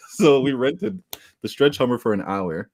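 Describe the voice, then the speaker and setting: Laughing man telling animated stories. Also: medium pitch, measured pace. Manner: laughs through his stories, animated retelling. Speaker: podcast co-host. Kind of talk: casual storytelling chat.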